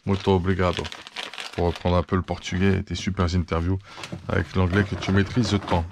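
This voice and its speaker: Man host, deep flat gravelly voice, chatty thankful unboxing talk. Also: a little fast, noisy background. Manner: chatty, thankful, many fillers and restarts. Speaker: RC hobby channel host. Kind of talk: casual unboxing chat.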